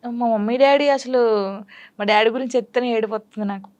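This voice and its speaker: Young woman guest spilling her story fast, emotional, kinda high voice. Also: fairly even intonation, darkish tone. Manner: candid, emotional, quick storytelling. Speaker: interview guest. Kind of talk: casual interview chat.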